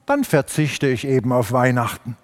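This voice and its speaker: A man's voice: medium pitch, big pitch swings, normal speed, long reverb tail, pitched below the performer's own voice, lightly acted. A man voicing a grumbling bear in a storybook fable, a bear that insists on his sweets.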